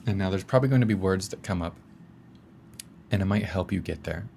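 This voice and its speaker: A man's voice: low voice, a little fast, vocal fry, darkish tone, slight background noise. A man speaking as a coach in a casual self-help talk, guiding the listener through exercises and swearing now and then.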